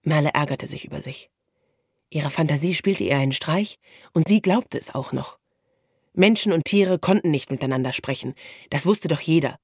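A woman narrating a children's storybook in a calm, even storytelling manner. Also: deep voice, moderate pace, husky, no room sound, clean studio sound. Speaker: audiobook narrator.

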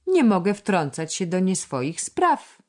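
A woman's voice: fairly low pitch, sing-song, takes it slowly, voice pushed up, full character voice. A woman reading aloud and voicing a male policeman, speaking in a plain, official way. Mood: matter-of-fact. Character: matter-of-fact male policeman.

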